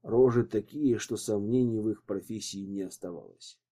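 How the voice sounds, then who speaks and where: Husky, expressive male audiobook narrator. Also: fairly low pitch, moderate pace. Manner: expressive storytelling.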